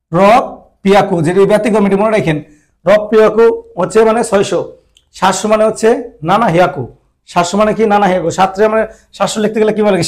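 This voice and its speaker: High-voiced man teaching patiently. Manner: patient, repeats terms and checks "ঠিক আছে?". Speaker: Japanese language teacher. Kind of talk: Bengali-language lesson.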